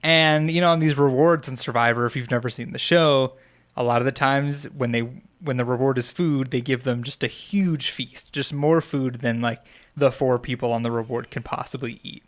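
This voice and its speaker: A man's voice: mid-range voice, steady tone, normal speed. Rambly man co-hosting a podcast. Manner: rambling, filler-heavy storytelling. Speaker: podcast co-host. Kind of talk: casual chat.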